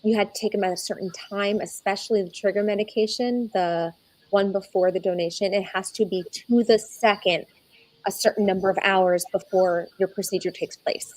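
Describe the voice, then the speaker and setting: A young adult woman, a guest in an interview, telling her own story earnestly and slowing down when she is moved. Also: mid-range voice, fairly even intonation, a little mellow, dry recording, rough recording. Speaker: egg donor guest. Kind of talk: conversational interview.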